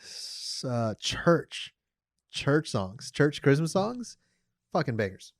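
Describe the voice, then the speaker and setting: A man's voice: medium pitch, very animated, slow, no echo, studio quality. A young man co-hosting a podcast in casual chat, joking, laughing often and swearing freely. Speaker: podcast co-host. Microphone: podcast studio mic.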